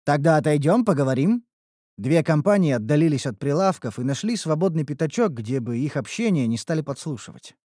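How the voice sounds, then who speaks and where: An audiobook narrator reading a fantasy story with expressive storytelling. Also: mid-range voice, fairly quick, hardly any pauses, no room sound, clean studio sound. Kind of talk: scripted narration.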